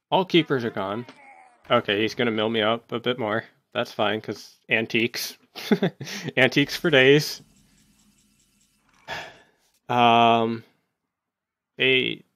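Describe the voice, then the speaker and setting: A man's voice: medium pitch, slow, long pauses, no room sound. Man muttering through gameplay commentary. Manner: thinking aloud, muttering, sudden excited outbursts. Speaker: gaming YouTuber. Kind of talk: casual live gameplay commentary.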